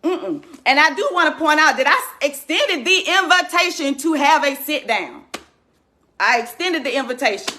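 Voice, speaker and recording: Fired-up woman with a high, bright voice. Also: expressive, moderate pace. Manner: indignant, emphatic, talks straight to viewers. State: shaking with anger. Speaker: community activist addressing followers. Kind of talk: impassioned direct-to-camera rant.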